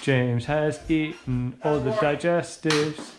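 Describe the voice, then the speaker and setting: Deadpan young man. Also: fairly high pitch, takes it slowly, crowd noise. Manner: deadpan, sardonic. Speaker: co-host baking with his brother. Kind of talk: casual joking chat. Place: home kitchen.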